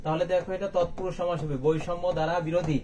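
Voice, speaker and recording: A high-pitched man teaches a live online exam-prep class, asking students questions and answering them himself. He sits a little back from the mic. A faint background hiss runs under his voice. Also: flat delivery, fast talker, darkish tone. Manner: quizzing, rhetorical questions and answers. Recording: faint background noise, slightly distant mic.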